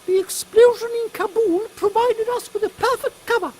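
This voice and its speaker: A man's voice: very high voice, steady tone, moderate pace, darkish tone, low-quality recording. A man voicing a haughty, commanding English queen in a steampunk audio comedy. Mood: brisk, regal. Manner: pompous, regal, commanding. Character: imperious, brisk Queen Victoria, haughty older British woman.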